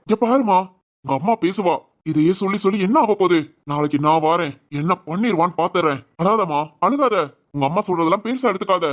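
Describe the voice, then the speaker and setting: A man voicing a firm but loving village father in an animated family drama, with a Tirunelveli Tamil accent and a reassuring manner. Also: high-pitched, brisk. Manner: steady, reassuring.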